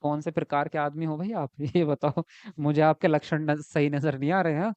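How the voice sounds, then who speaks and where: High-voiced chatty male teacher. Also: steady tone, moderate pace, darkish tone, no room sound. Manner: chatty, keeps asking "right?" and answers chat comments. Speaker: exam prep teacher. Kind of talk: live online class lecture. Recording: dull lo-fi dry sound.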